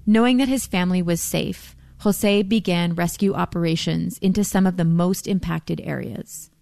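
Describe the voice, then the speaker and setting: A woman reporter giving serious, steady scripted news narration. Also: on the low side, normal speed, gravelly, no room sound.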